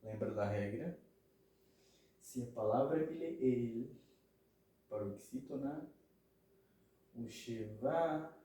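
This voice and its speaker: A man's voice: mid-range voice, warm tone. A man teaching grammar patiently, repeating words and often checking that listeners follow. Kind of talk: explanatory lesson. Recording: very echoey room, mic at a distance.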